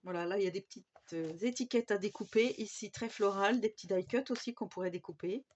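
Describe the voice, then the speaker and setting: A woman from France talks casually through her new craft papers, pausing and restarting often. The sound is slightly dull, with a faint hiss behind it. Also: medium pitch, a little mellow. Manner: chatty, with many fillers and restarts. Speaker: scrapbooking YouTuber. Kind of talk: casual craft haul show-and-tell. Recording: slightly dull home recording with faint background noise.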